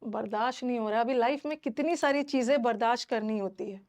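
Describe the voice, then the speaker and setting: A woman's voice: on the high side, a little fast, a little mellow. A woman teaching an English class online, who scolds her students indignantly and mixes English words into her speech.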